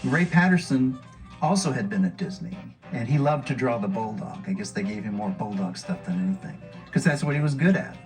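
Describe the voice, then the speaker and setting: A man's voice: mid-range voice, animated, brisk. Eager man discussing animation craft, distant mic, faint music bed. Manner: enthusiastic, detailed. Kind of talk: documentary interview.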